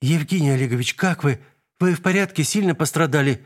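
A man's voice: fairly high pitch, expressive, moderate pace, darkish tone, voice pushed up. A man voicing a frantic, emotional young mother in an audiobook, his voice raised and agitated. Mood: anxious.

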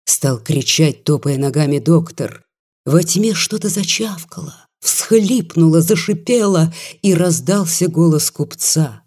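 An audiobook reader narrating a literary story in a slow, measured, subdued way. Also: medium pitch, animated, a little mellow, husky.

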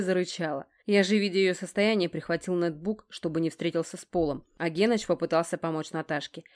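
A woman narrating a first-person novel in a measured storytelling manner. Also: on the low side. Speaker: audiobook reader.

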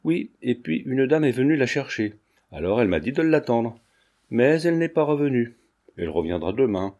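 A man voicing a defiant, fearless little boy who answers bluntly and gravely, in an audiobook reading. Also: medium pitch, sing-song, normal speed, darkish tone.

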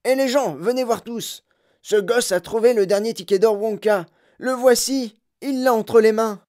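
A man voicing a fat, jolly male shopkeeper who shouts with excitement in an audiobook. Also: medium pitch, brisk, natural voice. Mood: ecstatic.

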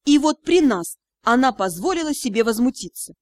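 A woman narrating an audiobook in a smooth, measured way. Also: high-pitched, big pitch swings, a little mellow, no echo.

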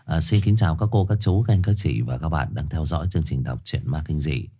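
Host, young adult man, very low voice, stuffy nose, chatty livestream greetings before a story. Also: a little fast, warm tone, husky. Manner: greets viewers by name, chatty and joking. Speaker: host of a live horror story reading channel. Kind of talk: livestream chat and story introduction.

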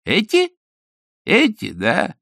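A man voicing a fussy elderly male auction clerk in a high, thin and clipped voice. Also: huge pitch swings, takes it slowly, creaky, bright, forceful tone, no room sound, studio quality, exaggerated voice. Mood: offhand. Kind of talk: audiobook character voice.

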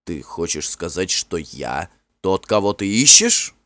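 A man's voice: low-pitched, sing-song, a little slow, no room sound, exaggerated voice. Finn, a bold warrior chief, as a man voices him. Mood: joyful. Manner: forceful, ringing declarations. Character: proud, warm-hearted warrior chief, bold and commanding.

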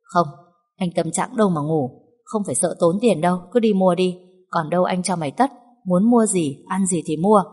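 A woman's voice: fairly low pitch, normal speed, darkish tone, husky. A woman voicing a worried young husband who speaks firmly and in a hurry. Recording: long hall reverb.

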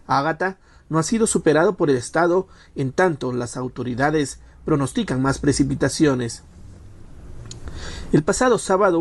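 A man's voice: on the high side, a little mellow. A man delivering a formal news report as a radio correspondent.

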